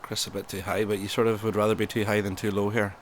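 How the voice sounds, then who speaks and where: A man with a fairly low voice co-commentates in a conversational golf-commentary style. There is faint ambient noise behind him. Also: flat delivery, fast talker.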